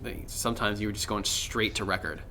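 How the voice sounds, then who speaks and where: Bright-voiced joking man on a podcast. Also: lowish voice, a little fast. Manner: joking, rambling, many fillers. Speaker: podcast co-host. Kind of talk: casual chat.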